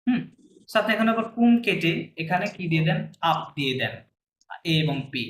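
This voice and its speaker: A man's voice: high voice, very animated, fairly quick, a bit bright. A man teaching a language class, patiently repeating words for his students to copy. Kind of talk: classroom lesson. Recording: echoey room, faint hiss.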